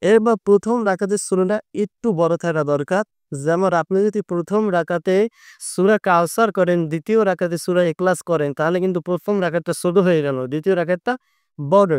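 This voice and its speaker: High-voiced preacher. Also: male voice, a little fast, darkish tone, smooth, no echo, clean studio sound. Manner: explains step by step, asks and answers his own questions. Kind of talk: instructional sermon on prayer.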